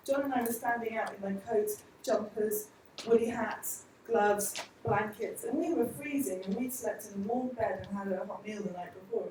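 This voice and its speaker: A woman's voice: on the high side, background noise. A woman from an aid agency giving an earnest conference presentation full of rhetorical questions, recorded from far off in a large hall.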